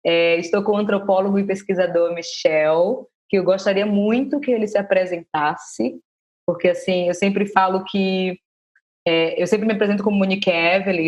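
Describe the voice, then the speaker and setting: A woman in her twenties from Salvador, Brazil, hosting a podcast interview with enthusiasm and thinking aloud as she asks questions. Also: lowish voice. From Salvador, Bahia, Brazil. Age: 20s. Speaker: podcast host.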